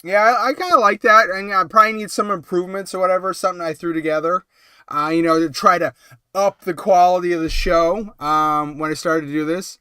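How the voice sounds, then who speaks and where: Hosting a laid-back live stream late at night, a man with a cold chats and rambles briskly, dropping ums and little laughs throughout. His voice is high and bright, still smooth and clear, and the audio is dry and close without any echo.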